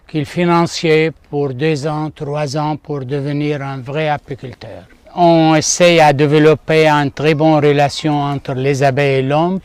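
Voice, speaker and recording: A man from Syria, a master beekeeper, speaking careful with many pauses. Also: a little high, a little mellow, clean tone, dry recording. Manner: careful non-native French, many pauses. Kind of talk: interview.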